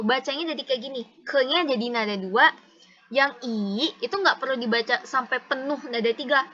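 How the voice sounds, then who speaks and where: A woman's voice: fairly high pitch, sharp tone, muffled recording. A woman teaching a casual one-on-one language lesson over a video call, explaining patiently step by step and repeating examples. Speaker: Mandarin tutor.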